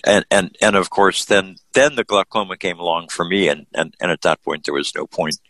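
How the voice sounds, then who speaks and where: A man hosting a conversational radio interview, speaking deliberately and haltingly with repeated words. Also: sits low, steady tone, bright, forceful tone, no echo. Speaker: radio show host, interviewer.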